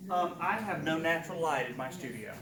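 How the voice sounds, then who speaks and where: A man's voice: fairly high pitch, expressive, fairly quick. A man who is a guest artist, chatting casually and with self-deprecating humor while answering audience questions at a painting demo. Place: meeting room before a seated audience. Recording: echoey room, distant mic, audience noise.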